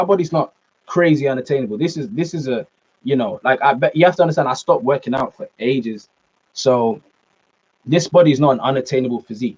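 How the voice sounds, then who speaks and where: This Norwegian-born, UK-raised fitness streamer has a British accent and a medium-pitched, slightly mellow voice with a breathy edge. Relaxed and casual, he replies to live stream comments and addresses viewers as man and bro. His laptop mic leaves the audio a bit dull and lo-fi.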